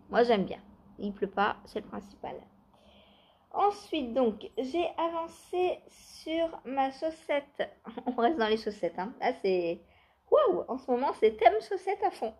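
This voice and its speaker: A woman chatting casually in a knitting vlog, laughing often and filling pauses with hesitations. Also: fairly high pitch, darkish tone. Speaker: knitting vlogger. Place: outdoors or by open door, cool weather.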